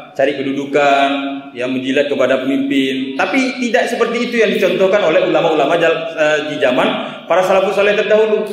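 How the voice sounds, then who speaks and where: A man's voice: a little high, a little hiss or hum. A man, a religious teacher, giving a sermon as a story, with rhetorical questions and frequent tag words. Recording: echoey hall reverb.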